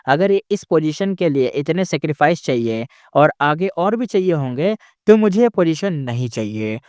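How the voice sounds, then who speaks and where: A man voicing a defiant, grieving young male immortal who speaks in a quiet, bitter, stubborn way. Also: fairly high pitch, animated, normal speed, clear, resonant tone, no echo, clean studio sound, close to an everyday voice.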